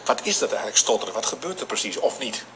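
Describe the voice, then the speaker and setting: A man interviewing guests on location in a café for a morning radio show, asking brisk, direct questions. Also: mid-range voice, sing-song, pushed and bright, a little hiss or hum.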